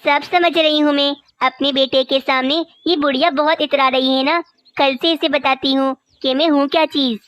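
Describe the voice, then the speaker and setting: A woman voicing a lazy, bossy young female crow wife in a cartoon, sharp-tongued and scornful. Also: high-pitched, fairly even intonation, moderate pace, dull audio. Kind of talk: cartoon voice acting.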